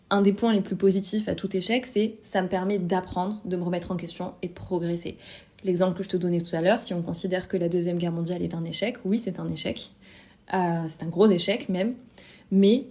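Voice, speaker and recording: Casual woman podcaster, mellow voice. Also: medium pitch. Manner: casual, direct, speaks to listener as "tu"; self-deprecating asides. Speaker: podcast host. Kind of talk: solo podcast advice talk.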